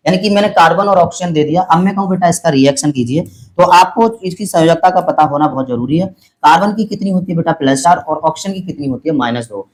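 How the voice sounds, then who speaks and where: A man's voice: fairly high pitch, poor audio. A man teaching a chemistry lesson, explaining step by step and patiently repeating his points. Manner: patient and repetitive, calls students "beta" and checks their understanding; slows down to spell out chemical formulas.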